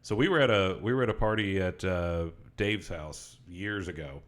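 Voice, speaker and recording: A man's voice: low-pitched, moderate pace, fairly bright tone. A man who is a podcast guest, telling stories in casual chat in an easygoing way. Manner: storytelling, easygoing.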